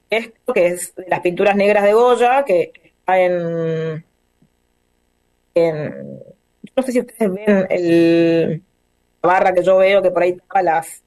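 A woman's voice: on the low side, a little mellow, no room sound. A woman with a Rioplatense accent, guest artist on a casual video call, talking in a rambling way and searching for words. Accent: Rioplatense Spanish.

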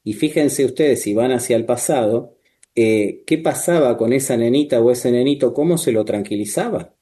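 A man working as a therapist, explaining calmly and measuredly with frequent tag questions. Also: mid-range voice, moderate pace. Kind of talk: calm explanatory talk.

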